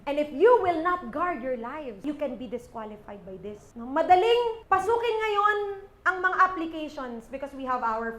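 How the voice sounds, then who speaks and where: A woman preaching a sermon in a church, swinging between soft pleading and loud exhortation. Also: high voice, roomy sound.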